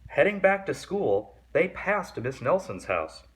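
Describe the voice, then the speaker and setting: A man reading a children's story aloud in an expressive, animated and deliberate way. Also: on the high side. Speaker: storybook reader.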